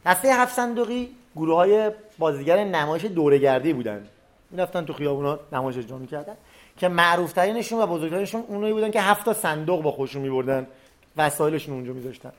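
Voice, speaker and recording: A man reading a memoir story aloud, pausing to explain old words in plain everyday speech. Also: fairly high pitch.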